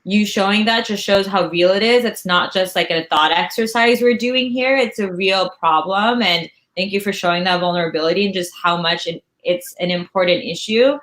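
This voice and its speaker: A woman's voice: mid-range voice, moderate pace, hardly any pauses, a bit bright. A young woman moderating a panel, speaking in a supportive, conversational way. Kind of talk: casual panel discussion.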